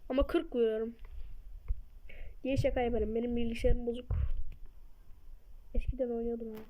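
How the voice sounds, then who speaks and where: A woman's voice: on the high side, flat delivery, normal speed, dull audio. A woman hosting her gaming channel, jumpy and self-mocking, talking to herself through a horror game at home. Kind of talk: horror game let's play commentary.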